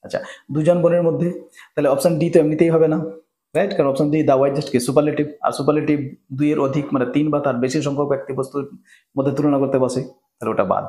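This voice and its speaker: A man teaching English grammar for exam preparation, explaining each option step by step, often checking in with "right?", and reading example sentences slowly. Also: a little high, level tone, mellow, reverberant. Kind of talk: exam-prep grammar lesson.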